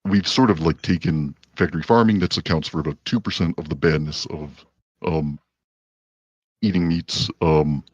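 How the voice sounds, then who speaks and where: A man with a very deep voice that sounds pitch-shifted, debating casually and haltingly on an online voice call. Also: slightly rough, no echo. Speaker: debater on a live call-in show. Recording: dull, lo-fi voice chat audio.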